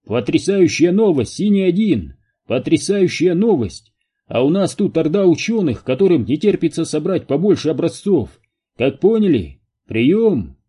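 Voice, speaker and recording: Male reader as a snappy radio caller, raised voice, dark timbre. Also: a little high, very animated, husky, voice pushed up, exaggerated voice. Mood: brisk. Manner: brisk radio calls.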